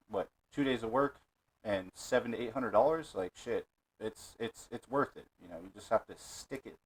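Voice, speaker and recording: A man chats casually through a reaction stream in a low, husky voice. His talk is crude and full of swearing. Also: poor audio. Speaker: co-host reacting to a video.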